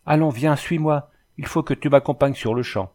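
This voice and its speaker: Man doing a giddy country carter, breathless and rushing, words tumbling out. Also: on the high side, darkish tone, voice pushed up, lightly acted. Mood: overjoyed. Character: excited, overjoyed male carter, rustic.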